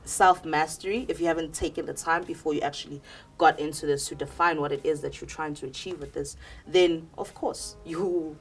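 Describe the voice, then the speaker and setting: A woman's voice: sits low, fairly even intonation, brisk, faint music behind. A woman on a casual panel, making firm, preachy points and tossing in slang. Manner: emphatic, preachy, says "bruh". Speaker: panel guest.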